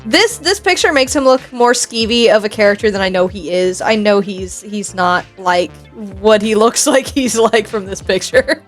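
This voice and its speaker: A woman's voice: medium pitch, expressive, moderate pace, few pauses, soft background music. A young woman co-hosting a casual podcast chat, teasing and blunt, swearing freely. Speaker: co-host.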